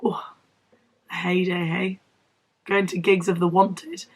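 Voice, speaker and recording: A woman's voice: fairly low pitch, flat delivery, slow pace, husky, rough recording. Young woman, southern English accent, wheezy strained sick voice, chatty book vlogger, rambling, apologetic. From Devon, England. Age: young adult. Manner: rambling, self-deprecating, apologetic. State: unwell, losing voice. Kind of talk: casual chatty vlog to camera.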